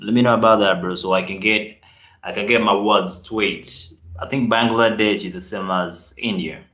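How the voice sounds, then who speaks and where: A man's voice: fairly low pitch, fairly even intonation, normal speed, sharp tone. A man from Uganda with a Ugandan accent, chatting casually on a live stream, greeting viewers and reading out their comments. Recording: roomy echo.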